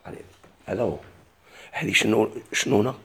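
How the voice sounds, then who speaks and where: Gravelly Moroccan-accented grammar teacher. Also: male voice, on the low side, fairly quick, fairly bright tone. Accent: Moroccan Arabic. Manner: asks questions and answers them himself. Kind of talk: classical grammar lesson.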